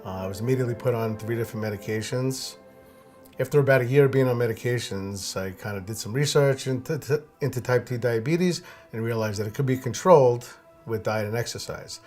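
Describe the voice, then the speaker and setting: A man's voice: medium pitch, brisk, a little mellow, faint music behind. A man giving a plain, matter-of-fact interview testimonial.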